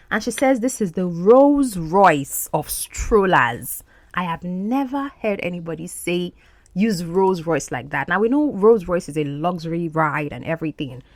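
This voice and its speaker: Woman English teacher, lowish voice with lively pitch, dry close sound, explains patiently. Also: dry recording. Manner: explains slowly, often asks "okay?". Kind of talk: podcast English lesson.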